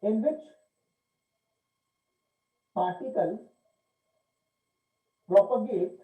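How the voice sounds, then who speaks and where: A man's voice: sits high, very slow. A man giving a physics class, who keeps asking questions and answering them himself and calls his students "beta". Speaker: physics teacher. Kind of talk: classroom lecture. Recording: echoey room, tinny phone-like sound.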